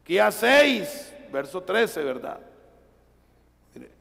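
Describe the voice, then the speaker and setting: A man with a Colombian accent preaches a live sermon in a raised, rough, fry-laden voice. His delivery surges loud and then sinks to hushed asides. The church's long reverb trails behind every phrase. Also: very animated, slow. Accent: Colombian Spanish. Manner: swings from loud preaching to low, quiet asides. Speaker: pastor. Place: church sanctuary.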